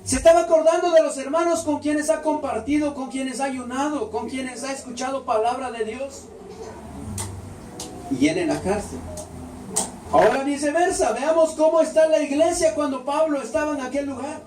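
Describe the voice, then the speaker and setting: A man's voice: extremely high pitch, normal speed, a little mellow, slight background noise. A man preaching to a congregation, fervent and full of rhetorical questions. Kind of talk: Spanish-language church sermon. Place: church hall with a congregation. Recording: echoey hall, voice picked up from a distance.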